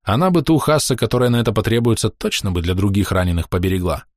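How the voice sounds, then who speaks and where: A man reading a fantasy novel aloud as audiobook narrator, in a steady storytelling manner. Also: fairly low pitch, quick pace, no room sound, studio quality. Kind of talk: scripted narration.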